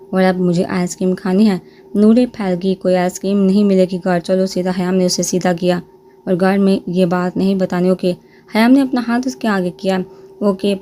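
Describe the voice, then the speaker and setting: A woman narrating a romance novel aloud, reading every character's lines in her own voice with small lifts in pitch. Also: warm tone, a little hiss or hum. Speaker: novel reader.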